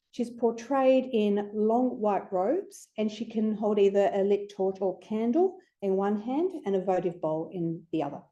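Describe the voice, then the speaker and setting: Aussie lady giving a casual talk to a group, super mellow dark tone, chatty and a bit cheeky. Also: medium pitch. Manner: chatty and conversational, with playful asides. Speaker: astrology speaker presenting to a group. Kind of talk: informal lecture.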